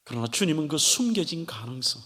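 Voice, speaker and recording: Pastor guy preaching, high lively voice, big echoey church. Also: a little fast. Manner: animated preaching, acting out pleading voices of biblical figures. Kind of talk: sermon. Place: church sanctuary. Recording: long hall reverb of a church.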